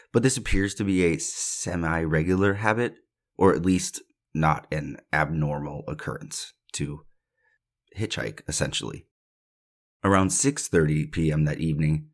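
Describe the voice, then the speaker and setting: Very low male voice, true crime podcast host, casual and opinionated narration. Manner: opinionated, casual asides between read facts.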